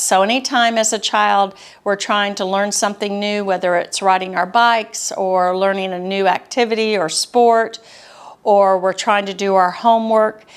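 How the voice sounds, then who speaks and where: Woman, therapist, educational talk, calm and explanatory, smooth clear voice. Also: mid-range voice.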